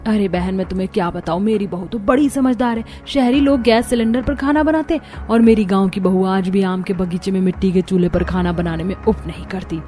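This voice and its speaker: A woman's voice: medium pitch, brisk, hardly any pauses, warm tone, soft background music, natural voice. Woman voicing a boastful village matriarch. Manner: boastful, chatty. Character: proud middle-aged village mother-in-law.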